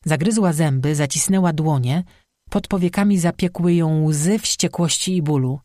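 An audiobook narrator reading a folk-legend story in a measured, even storytelling manner. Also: medium pitch, no room sound, clean studio sound.

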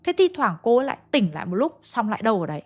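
A woman's voice: fairly high pitch, sing-song, rapid-fire, soft background music. A woman narrating a ghost story, chatting directly to her listeners.

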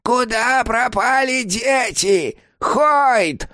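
A male audiobook reader voicing a confused, furious old woman over seventy with a raspy, cracking voice and slow, drawn-out wails. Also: very high-pitched, no echo, studio quality, voice pushed up, exaggerated voice. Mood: furious wailing. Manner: slow, drawn-out wailing and shouting.

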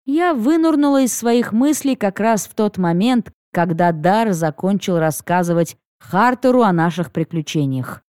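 Casting: woman narrator, first-person fantasy, animated pitch, dry close-mic sound. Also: measured pace, few pauses, clean tone, no echo. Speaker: audiobook narrator.

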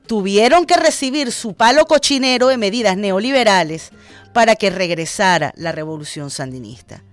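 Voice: medium pitch, animated, moderate pace, faint music behind. A radio host with a Venezuelan accent giving impassioned political commentary, repeating phrases for emphasis.

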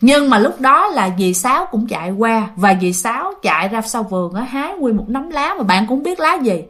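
A woman's voice: fairly high pitch, big pitch swings, moderate pace, fairly bright tone. Chatty woman storyteller. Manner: chatty, addresses listeners, many fillers. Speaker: ghost story narrator. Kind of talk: casual spoken storytelling.

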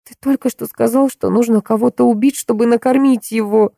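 A woman reading an audiobook, voicing a distraught young woman who pleads and cries out in a higher voice. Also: steady tone, brisk, gravelly, mellow, no room sound, clean studio sound. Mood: accusing. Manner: pleading, raised and tearful. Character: young woman, tearful and horrified.

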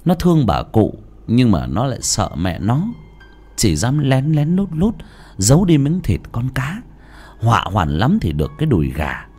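Husky guy reading a sad drama story out loud, voice swoops up and down a lot. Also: medium pitch, huge pitch swings, normal speed, soft background music. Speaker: narrator. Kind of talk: scripted storytelling narration.

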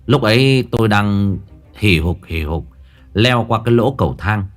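Low-voiced man telling a ghost story. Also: a little slow, faint music behind. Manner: lively, dramatic telling.

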